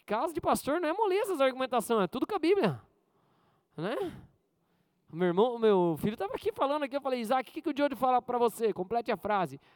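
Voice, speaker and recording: A male pastor delivers a conversational sermon packed with jokes and personal stories, frequently questioning the congregation and alternating between loud, high bursts and quiet asides. He talks fast with big pitch swings, and there's no room sound.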